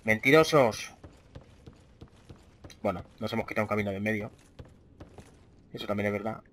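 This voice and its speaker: A man's voice: fairly low pitch, monotone, fast, a little hiss or hum. A man with a Spain Spanish accent giving casual let's play commentary, chatting freely with his viewers and swearing often. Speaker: gaming channel host.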